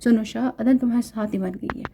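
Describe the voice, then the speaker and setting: A woman's voice: fairly high pitch, steady tone, mellow, close to an everyday voice. A woman voicing Adan, a grieving young widow.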